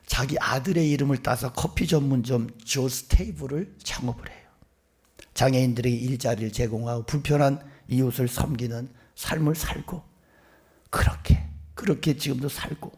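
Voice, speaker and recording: A middle-aged male pastor preaching a sermon, telling stories with acted-out voices that swing from whispers to loud bursts. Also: mid-range voice, moderate pace, husky. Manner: animated storytelling, acting out voices, swinging between whispers and loud outbursts. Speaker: senior pastor.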